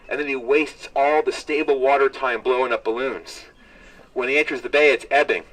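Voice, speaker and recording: A man's voice: mid-range voice, fairly bright tone, no room sound. A man working as a tour guide, telling a story live to a group in dramatic short phrases and questions to his listeners. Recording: distant mic, live on-site capture.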